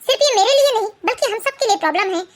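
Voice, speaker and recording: A woman's voice: extremely high pitch, animated, rapid-fire. Woman voicing a bossy, scornful elder sister-in-law in a cartoon. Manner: scolding, bossy. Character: sharp-tongued selfish elder daughter-in-law. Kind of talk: animated cartoon voice acting.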